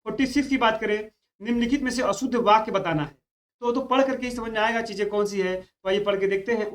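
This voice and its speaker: A man teaching Hindi spelling for an exam, stretching out each key word and often repeating that students should keep it in mind. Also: sits high. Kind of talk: spoken exam-prep lesson.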